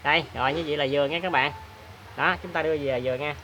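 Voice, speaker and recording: A man hosts a hands-on repair demonstration, talking in a chatty, plain-spoken way with many filler pauses. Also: a little high, fairly even intonation, pushed and bright, a little hiss or hum. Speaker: repair tutorial host.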